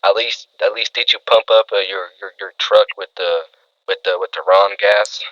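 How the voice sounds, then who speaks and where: A man's voice: fairly low pitch, steady tone, moderate pace, bright, forceful tone, no echo. A man playing a crude, eager redneck co-host on a comedy radio show, recorded on a slightly lo-fi mic. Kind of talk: improvised comedy radio role-play.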